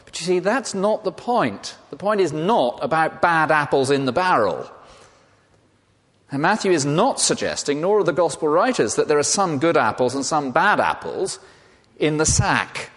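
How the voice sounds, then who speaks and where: A man's voice: a little high, sing-song, moderate pace, a bit bright. A man preaching a sermon, emphatic and full of rhetorical repetition. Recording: long hall reverb.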